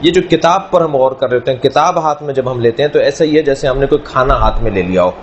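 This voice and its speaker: A man teaching a class, speaking in a measured way, repeating key words and explaining through everyday analogies. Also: medium pitch, highs cut off, a little hiss or hum. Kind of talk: classroom lecture.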